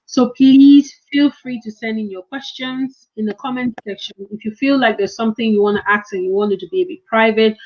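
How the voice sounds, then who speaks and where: A woman's voice: medium pitch, muffled recording. A woman hosting an online event as an author, talking in an encouraging, rambling way. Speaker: host and author.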